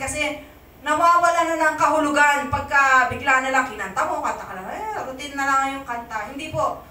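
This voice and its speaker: Filipino lady pastor preaching, high voice, echoey hall, mic far off. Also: pushed and bright. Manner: conversational preaching, asks the congregation "amen?" often. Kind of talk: sermon. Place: church hall.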